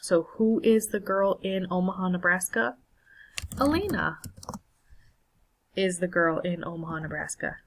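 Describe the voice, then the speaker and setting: A woman's voice: fairly low pitch, lively intonation, unhurried, long pauses, a little hiss or hum, low-quality recording. A woman teaching a Spanish lesson while walking through a screen, patiently checking in with her students as she goes. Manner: patient, checks in with "right?" and "all right". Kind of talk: screen-share lesson walkthrough.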